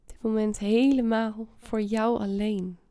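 A woman guiding a meditation softly and soothingly, half whispering close to the ear, slowly and with long pauses. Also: on the high side, level tone, clear, resonant tone, no echo. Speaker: meditation podcast host. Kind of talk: guided meditation.

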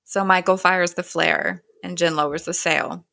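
A woman's voice: on the low side, fairly even intonation, normal speed, vocal fry, pushed and bright, dry recording, studio quality. A woman casually recapping a TV episode, storytelling with giggles and hummed cues.

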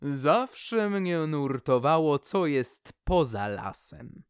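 A man voicing a curious, dreamy female poplar tree in a storybook, speaking high and wistfully. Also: big pitch swings, very slow, clear, resonant tone, no echo, clean studio sound, full character voice. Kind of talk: storybook character voice.

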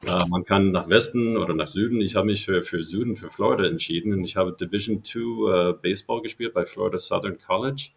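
Older American man, low gravelly voice. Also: fairly quick, few pauses. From Ohio, USA. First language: English. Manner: hesitant, frequent fillers. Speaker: podcast guest, baseball veteran. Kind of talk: casual interview talk.

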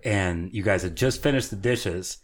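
An easygoing man co-hosting a podcast chat. His voice sits on the low side, and he rambles comfortably through his stories with casual fillers and a ready chuckle. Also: moderate pace.

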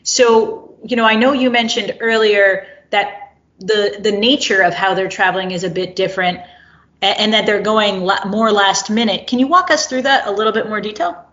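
A woman's voice: mid-range voice, moderate pace, a bit bright, muffled recording. A woman hosting a casual interview, curious and thinking aloud as she asks questions. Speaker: podcast host.

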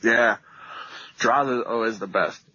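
A man's voice: medium pitch, unhurried, pushed and bright, slightly rough. A man co-hosting a podcast in casual, enthusiastic, slangy chat. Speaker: podcast co-host. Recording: slightly dull, lo-fi sound.

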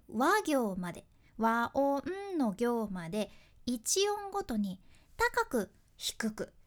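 Female voice coach with a Fukuoka accent, fairly high and very animated, a chatty, casual lesson. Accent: Fukuoka dialect. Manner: chatty and expressive, switching between polite and dialect speech. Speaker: voice and speaking coach.

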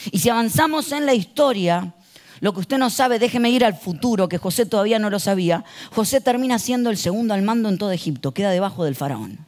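A middle-aged pastor with an Argentine accent delivers a humorous sermon in a high voice. He tells stories with lively energy, acts out the characters himself and gets the congregation to repeat lines after him. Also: fast. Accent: Argentine Spanish. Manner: animated storyteller, acts out voices and asks the congregation to repeat phrases.

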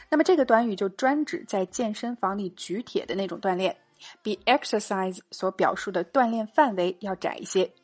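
Female English teacher, mid-pitched voice, careful demonstrations, faint music underneath. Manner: slow, careful model pronunciation. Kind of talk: spoken English lesson.

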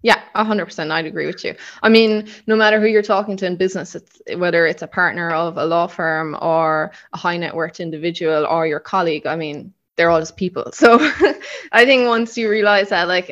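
A woman's voice: on the low side, a bit bright, muffled recording. A woman in her late twenties with a Kerry accent from the south-west of Ireland, chatting casually as a podcast guest. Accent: Kerry, south-west Irish. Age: late 20s. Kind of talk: casual conversational interview.

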